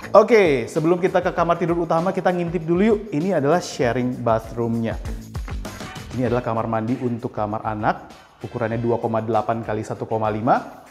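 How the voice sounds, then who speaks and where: A man's voice: medium pitch, fairly even intonation, a little fast, a little mellow, faint music behind. A man presenting a property on a walking house tour, talking upbeat and straight to the viewers. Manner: upbeat, addresses viewers directly. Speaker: real estate house tour host.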